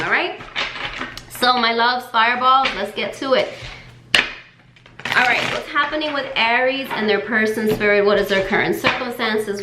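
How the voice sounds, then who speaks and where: A woman giving a casual tarot reading, chatty and full of fillers, in a voice she calls her lower fall voice. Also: pushed and bright, roomy sound, slight background noise. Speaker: tarot reader.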